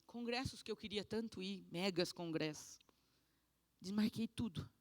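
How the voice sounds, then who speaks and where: A woman pastor from Brazil giving an animated, emotional testimony sermon. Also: mid-range voice, measured pace, dry recording.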